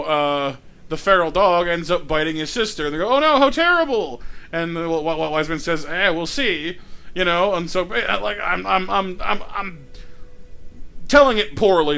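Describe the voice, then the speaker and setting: A man's voice: fairly high pitch, pushed and bright, clear, resonant tone. A male live streamer chatting casually, rambling and repeating himself with many fillers.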